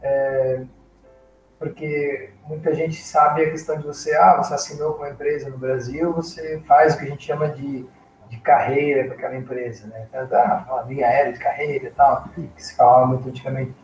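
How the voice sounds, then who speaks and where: A man's voice: medium pitch, flat delivery, a little fast, darkish tone, roomy sound, recorded from a distance, soft background music, rough recording. A man hosting a casual interview, asking friendly prompting questions. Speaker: podcast host.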